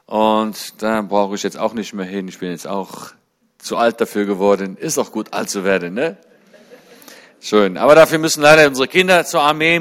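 A guest speaker in his forties delivers a sermon-style talk to a church congregation. He starts out chatting in a friendly way, then turns fervent, his voice climbing high and loud on his main points.

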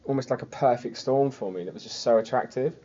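This football fan podcast host has a mellow, mid-range voice and talks quickly. With his Home Counties accent, he's from southern England, Surrey and the Cotswolds, and chats in a casual, rambling way over slightly dull, lo-fi audio.

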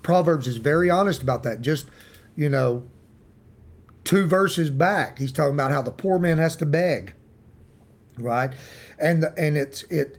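A man's voice: on the high side, a little mellow. A man with an Appalachian accent giving an informal devotional talk as a Bible teacher, in a folksy, plain-spoken way. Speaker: Bible teacher and church host.

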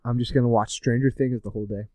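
A man's voice: fairly even intonation, quick pace, warm tone, no room sound. A man chatting casually with friends, joking and slipping into impressions. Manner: joking, does high silly impressions. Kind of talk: casual chat.

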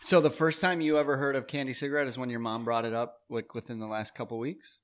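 A man's voice: medium pitch, steady tone, fast talker, a bit bright. A man hosting a casual chat, joking with mock-serious banter. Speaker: host.

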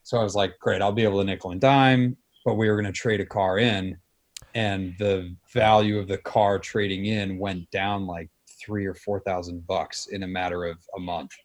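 A man's voice: sits low, little pitch movement, normal speed. A man in casual conversation, telling things in an informal, anecdotal way. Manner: acts out quoted dialogue when telling stories.

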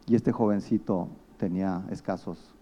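A man's voice: sits low, steady tone, moderate pace, warm tone, a little hiss or hum. A man with a Mexican accent preaching a sermon as pastor, telling stories and acting out the people he quotes. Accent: Mexican Spanish.

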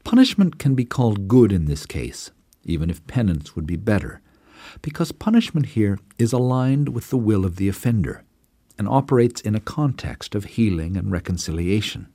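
A man giving scripted narration in a measured, explanatory way. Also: fairly low pitch, very animated, mellow, husky, no echo, studio quality.

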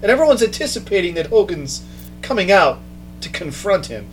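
A man hosting a casual chat, telling a story with mounting excitement. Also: high voice, fairly quick, a little hiss or hum, poor audio. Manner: excited storytelling, quoting others in raised voice. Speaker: podcast host.

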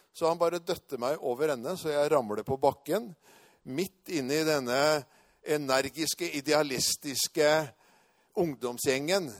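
A male preacher telling a personal testimony in a sermon, storytelling and rising to loud proclamation. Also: fairly high pitch, dry recording, studio quality.

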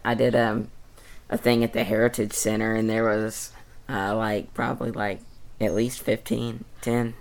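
A teenage boy of about 14 from East Tennessee, a young bluegrass mandolin player, chats casually and a bit hesitantly as an interview guest. His voice sits fairly low with little pitch movement, slightly slow and creaky, and his phrasing is informal and youthful.

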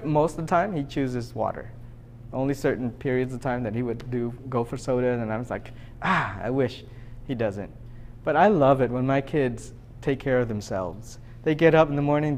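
Male pastor, 30s, slightly high voice, animated sermon delivery with big swings from loud to quiet. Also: slight background noise.

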